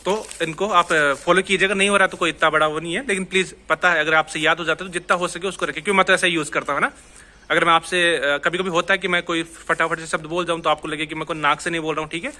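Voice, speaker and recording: A man's voice: a little high, steady tone, fast talker, bright, forceful tone. A young man gives a casual, patient language lesson, repeating words and checking in with his students often. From India. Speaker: Spanish teacher.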